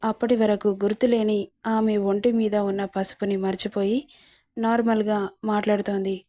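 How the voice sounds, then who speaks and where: A woman narrating a serialized romance story in a steady, unhurried reading. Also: medium pitch.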